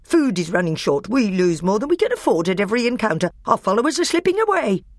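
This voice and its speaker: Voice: medium pitch, sing-song, quick pace, dry recording, clean studio sound, pitched above the performer's own voice, close to an everyday voice. A reader voicing a bitter, angry male dwarf who snarls accusations. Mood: snarling.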